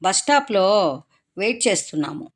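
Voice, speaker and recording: A woman's voice: medium pitch, big pitch swings, normal speed, husky. A woman reading a story aloud, voicing a caring young woman who speaks eagerly and earnestly.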